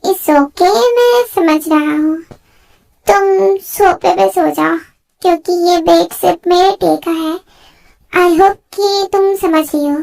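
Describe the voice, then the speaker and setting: A woman voicing a young husband who explains himself slowly and hesitantly, in a gravelly voice. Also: very high voice, darkish tone, heavily acted. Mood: explaining. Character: young man, a calm, reassuring husband.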